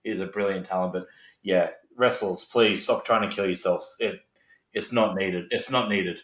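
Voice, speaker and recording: Low-voiced man in an echoey room. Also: steady tone, moderate pace. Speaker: wrestling podcast co-host. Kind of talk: casual chat. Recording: roomy, echoey sound.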